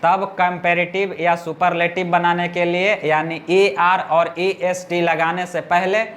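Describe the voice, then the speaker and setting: A man's voice: high-pitched, flat delivery, unhurried, a bit bright. A male teacher explaining a grammar lesson step by step to a class, often stopping to ask whether the students understand.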